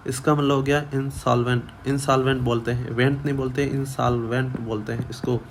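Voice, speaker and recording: A man's voice: medium pitch, level tone, brisk, a little hiss or hum. A man teaching vocabulary for exams in Hindi, who repeats each word many times and asks and answers his own questions. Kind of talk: vocabulary lesson for exam students.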